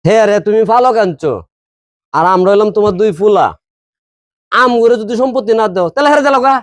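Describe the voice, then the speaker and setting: A man's voice: a little high, expressive, brisk, a little mellow, no echo, close to an everyday voice. A man playing a scheming elder son who wheedles his father for property, speaking. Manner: wheedling, plotting.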